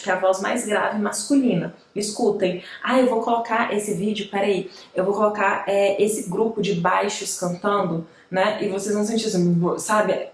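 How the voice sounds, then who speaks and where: A woman's voice: mid-range voice, reverberant. A woman music teacher with a Brazilian Portuguese accent, explaining voice types in a chatty online lesson and often checking in with her listeners. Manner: chatty, explanatory, frequent tag questions.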